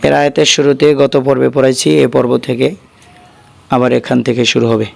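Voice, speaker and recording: A man's voice: medium pitch, flat delivery, a little fast, gravelly, a little mellow. A Bangladeshi man with a Bengali accent teaching Quran reading, spelling out syllables one by one and then chanting them together. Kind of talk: letter-by-letter Quran spelling lesson.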